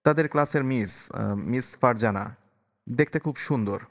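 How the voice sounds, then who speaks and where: A man reads a novel aloud as an audiobook narrator, calm and measured. His voice sits mid-range, and the recording trails a long reverberant echo. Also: mid-range voice.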